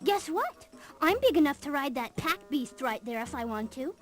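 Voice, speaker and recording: Excitable, high-voiced little kid. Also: female voice, moderate pace, faint music behind. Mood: boastful, excited. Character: boastful, excitable little child. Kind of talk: video game character acting.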